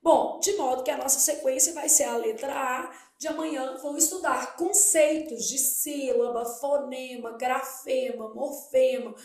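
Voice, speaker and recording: Woman teacher, high voice, echoey room, explains step by step. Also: creaky, a little mellow. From Brazil. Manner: explanatory, asks and answers her own questions. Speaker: Portuguese teacher. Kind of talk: exam-prep lesson.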